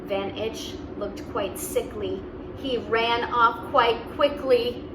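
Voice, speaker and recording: A story reader and host, this woman speaks slowly with a fairly high voice, performing a children's story with expression. She offers young listeners plain explanations as she goes. Background noise is clear in the roomy, distant-mic recording.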